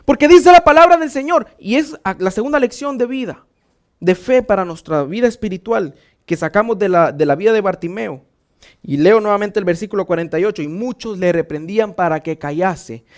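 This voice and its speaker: A male pastor preaching a sermon in a church, swinging from loud calls to hushed, slow emphasis. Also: high-pitched. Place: church sanctuary.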